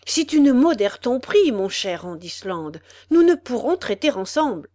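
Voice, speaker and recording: A woman voicing a cruel, greedy male executioner who haggles over a body, with haughty, loud outbursts. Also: fairly high pitch, big pitch swings, a little slow, no room sound, pitched above the performer's own voice. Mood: haggling.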